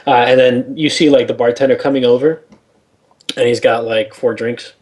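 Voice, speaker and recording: A man's voice: mid-range voice, steady tone, normal speed, a little mellow. A man narrating as game master in a casual, loose way full of fillers.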